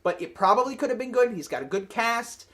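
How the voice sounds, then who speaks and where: A man's voice: very high-pitched, lively intonation, brisk, bright, forceful tone. A man co-hosting a casual movie review podcast, explaining his criticisms. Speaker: podcast co-host.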